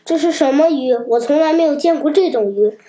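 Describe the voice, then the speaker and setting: A woman voicing an ugly, greedy old fisherman in a children's storybook reading, loud and exclaiming. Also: on the high side, unhurried, natural voice. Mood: astonished.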